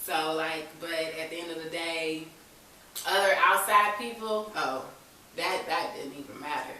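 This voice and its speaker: An American woman tells her personal story as a guest, candid and earnest, colloquial and emphatic, often repeating herself. Her voice sits low, steady, bright and forceful at an unhurried pace, recorded from a distant mic in an echoey room with faint hiss.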